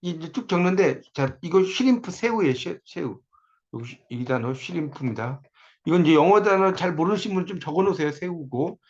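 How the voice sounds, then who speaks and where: A man's voice: on the high side, lively intonation, a little fast. Guy teaching a spelling class, chatty, repeats every word, muffled lo-fi sound. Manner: conversational, repeats words to drill them. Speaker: lecturer. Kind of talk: recorded spelling lecture.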